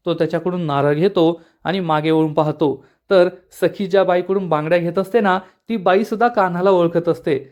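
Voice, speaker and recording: A man's voice: high-pitched, fairly even intonation, brisk, few pauses, darkish tone. A man retelling a TV serial episode as a plain, storytelling narration. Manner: plain storytelling narration, reads out the characters' lines.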